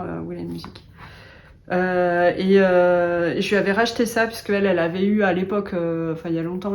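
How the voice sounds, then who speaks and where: A woman's voice: medium pitch, darkish tone. Woman, yarn-shop knitter, casual vlog chatter: chatty, self-mocking, laughs a lot, lots of hesitations.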